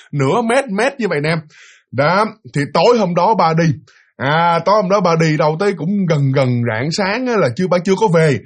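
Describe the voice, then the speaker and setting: A man's voice: fairly high pitch, slightly rough. A man telling a spooky family story to listeners in a chatty, dramatic way, acting out the voices of the people in it. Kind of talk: spoken ghost story telling.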